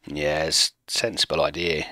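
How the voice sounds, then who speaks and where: A man's voice: a bass voice, flat delivery, normal speed, pushed and bright, no echo. A man in his late thirties streaming a football management game, chatting casually and self-mockingly with viewers from a desk at home. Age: 30s. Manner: chatty, self-mocking, reads chat aloud. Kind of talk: casual chat with stream viewers while playing.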